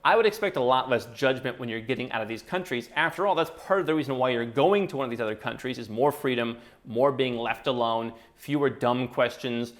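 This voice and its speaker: A man hosting his channel, giving brisk, opinionated advice straight to camera with a touch of sarcasm. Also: mid-range voice. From United States. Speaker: channel host. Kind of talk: talking-head advice commentary.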